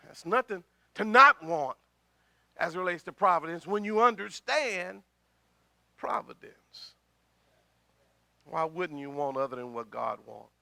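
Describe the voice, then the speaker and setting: A man's voice: on the high side, animated, moderate pace, creaky, pushed and bright, no echo. A middle-aged man preaching a sermon as pastor, talking in a conversational way, repeating words and swelling in volume, with a slight cough.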